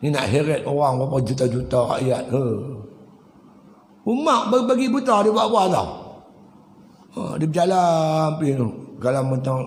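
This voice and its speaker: An older male preacher, his voice sitting a little high for a man. He tells stories in an animated way, jumping from loud bursts down to quiet murmurs. It is recorded in a roomy hall with a long, ringing echo. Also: moderate pace. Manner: animated storytelling, voice swings high and low. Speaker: religious teacher. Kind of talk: sermon. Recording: echoey hall with long reverb.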